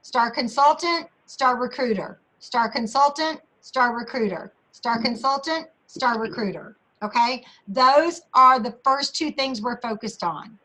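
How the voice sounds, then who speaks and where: Woman, high voice, bright tone, energetic team pep talk, chatty, repeats phrases. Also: unhurried, hardly any pauses, rough recording. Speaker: sales team leader. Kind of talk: motivational team talk on a video call.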